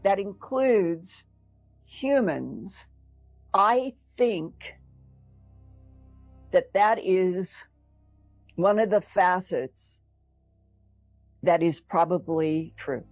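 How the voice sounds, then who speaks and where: A woman, a guest in an interview, speaking in a measured, deliberate, conversational way. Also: lowish voice, expressive, darkish tone, dry recording, faint music behind. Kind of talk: conversational talk.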